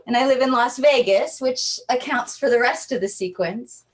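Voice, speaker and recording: A playful magician from Hawaii, a woman with a bright, high voice, performs an online magic show, delivering jokey, rhyming story patter straight into the camera mic for her audience. She speaks at a normal speed.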